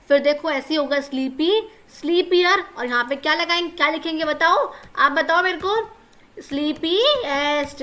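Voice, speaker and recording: A high, bright-voiced woman teaches a lesson to children. She speaks, patiently repeats every point and keeps asking her pupils whether they understood. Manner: patient, repeats each point, asks the class questions.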